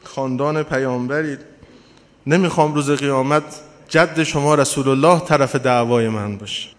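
A man's voice: mid-range voice, close to an everyday voice. A man voicing a loyal, devout male slave who defies his master, speaking earnestly. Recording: long hall reverb.

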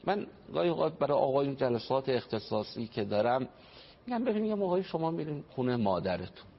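A man's voice: medium pitch, big pitch swings, creaky. Earnest male religious family speaker. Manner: earnest, explanatory, quotes traditions. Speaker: family counselor. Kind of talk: religious family talk on radio. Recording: dull radio broadcast, faint noise.

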